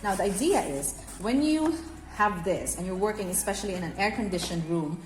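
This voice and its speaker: A cake decorating instructor from Bacolod in the Philippines, speaking with a Filipino accent, chats her viewers through a hands-on craft tutorial in a conversational, instructive way. Her mid-range voice is animated and fairly quick. She's in an echoey indoor room with music playing behind her.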